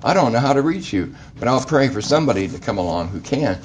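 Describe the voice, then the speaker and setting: A man voicing a kindly male holy man in a told story, speaking gently and in a fatherly way. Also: medium pitch, animated, quick pace, slight background noise, close to an everyday voice. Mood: concerned.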